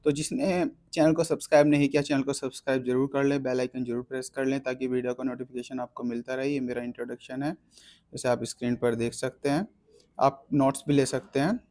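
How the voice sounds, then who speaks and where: A man teaching a vocabulary lesson, explaining slowly with spelled-out words and memory tricks. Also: mid-range voice, little pitch movement, dark tone.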